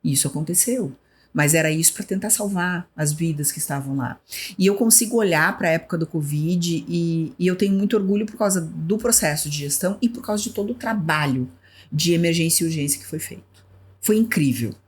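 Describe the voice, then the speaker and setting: A woman, a former health official, telling animated stories in a podcast interview and acting out remembered conversations. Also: on the low side, a little fast, slightly rough. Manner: animated storyteller who acts out remembered dialogue. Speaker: guest, former municipal health secretary.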